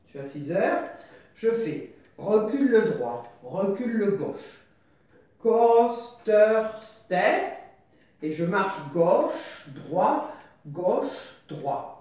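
A woman's voice: lowish voice, big pitch swings, slow, warm tone. A woman teaching a line dance, hesitant with many fillers, calling out steps and counting beats. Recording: very echoey room, voice far from mic.

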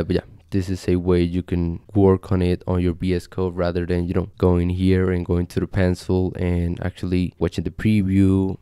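A young man from Costa Rica walks through code in a casual screen-share tutorial, loose and chatty, with lots of fillers. His voice sits very low and smooth, with a mellow, dark tone. The sound is dry and close, from a mic at a home desk. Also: no room sound. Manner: relaxed, conversational, with frequent fillers. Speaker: coding tutorial host. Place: small home desk setup indoors.

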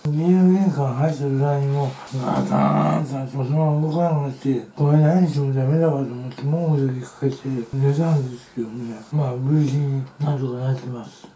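A man's voice: medium pitch, brisk, few pauses, dark tone. A man telling rambling, chatty stories while eating on his vlog, speaking casually at home. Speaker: eating-show vlogger. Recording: roomy room with faint background noise.

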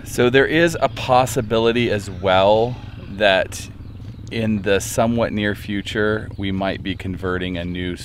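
A man in his forties talking to a handheld camera by a lake in a relaxed, chatty way, with soft laughs. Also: lowish voice, unhurried, slight background noise. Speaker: family vlogger. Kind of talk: casual vlog talk to camera. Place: outdoors by a lake. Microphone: handheld camera at arm's length.

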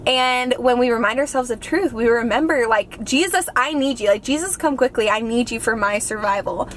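A young woman in her twenties talks into a dashboard camera from inside a car, gushing and heartfelt, peppering her sentences with "like". Her voice sits a little high, with a faint hum of background noise behind her. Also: moderate pace. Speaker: vlogger. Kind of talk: casual chat.

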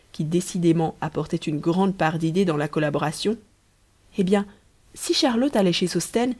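A woman reading a novel aloud as an audiobook narrator, in a measured storytelling manner. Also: on the low side. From Belgium. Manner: measured storytelling, lively dialogue. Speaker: audiobook reader. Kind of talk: scripted narration.

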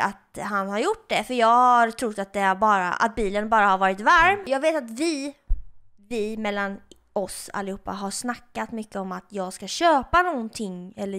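A young woman talks casually to her viewers while she plays a game. Her voice is high and bright, giggly and excitable, and it jumps into shrieks whenever something surprises her. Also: smooth. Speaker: girlfriend of the host, gaming on camera. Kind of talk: casual gaming chat.

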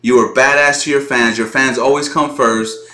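An excitable man giving casual reaction commentary on a song. His voice is bright and forceful, with a loose, profane way of talking. The sound bounces around an echoey room. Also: mid-range voice, moderate pace. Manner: excitable, profane, laughs often. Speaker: music reaction host.

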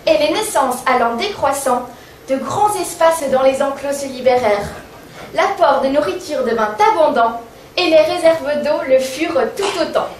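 A woman's voice: high voice, lively intonation, normal speed, a little hiss or hum. A woman comedian reciting a rhyming comic tale on stage in a sing-song, mock-innocent manner. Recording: echoey stage sound from far off.

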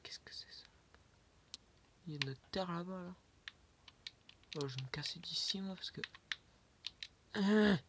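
At normal speed but with many pauses, a high-pitched man narrates his Minecraft game over background noise. A gaming YouTuber, he talks to himself, swears, and sometimes whispers, as keyboard and mouse clicks carry on in the background.

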